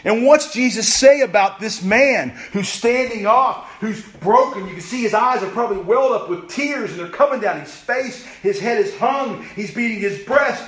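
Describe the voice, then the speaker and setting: A man preaching a sermon, emphatic and repeating phrases, at times rushing and at times slowing right down. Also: high-pitched, lively intonation, fairly bright tone. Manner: emphatic, repeats phrases, pace swings from rushed to slow. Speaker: pastor.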